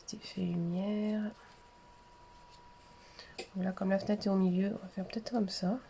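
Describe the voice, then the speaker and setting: A woman hosting a casual coloring tutorial livestream, chatty and hesitant with many fillers and soft asides. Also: medium pitch, level tone, normal speed, a little hiss or hum.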